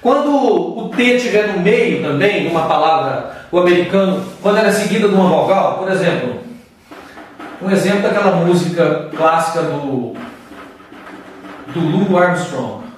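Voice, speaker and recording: A Brazilian man gives a casual English pronunciation lesson, his voice sitting high. He explains slowly and pauses to demonstrate sounds. The sound is distant, with heavy room echo around it. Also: animated, slight background noise. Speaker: English teacher. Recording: very echoey room, far from the mic.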